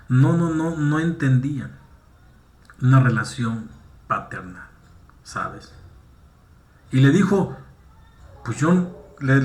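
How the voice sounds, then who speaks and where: A man's voice: medium pitch, echoey room. A man preaching a sermon, often asking "¿sí?" and saying "amén" to the congregation as he reads and explains a Bible passage. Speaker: pastor.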